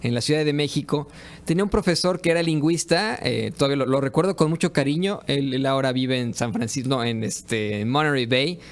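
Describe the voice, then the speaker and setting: A man's voice: mid-range voice, brisk. A man co-hosting a talk show, chatting casually and telling fond anecdotes from his student days. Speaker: co-host. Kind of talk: casual panel chat.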